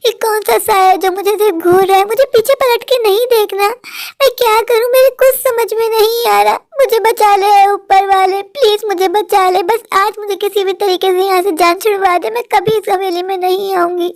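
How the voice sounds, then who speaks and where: Cartoon lead: a high-voiced, nervous young mum who talks to herself. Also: female voice, steady tone, normal speed. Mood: fearful. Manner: fretful, talking to herself. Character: worried young mother alone in a haunted house.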